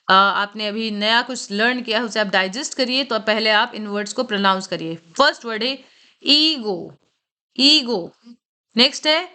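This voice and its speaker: A woman with an Indian English accent teaching English vocabulary for competitive exams, repeating each word slowly and clearly for students to say aloud. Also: fairly high pitch, pushed and bright. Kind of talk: exam-prep vocabulary lesson, Hindi mixed with English.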